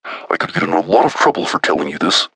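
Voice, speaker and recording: A mysterious anonymous caller, as a male narrator puts him on, speaking slowly and cryptically through a voice scrambler. The voice sits very low and gravelly, with a husky, raspy grain. The sound is dry and close. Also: sing-song, fairly bright tone, no echo, heavily acted. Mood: cryptic. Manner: slow, cryptic, solemn.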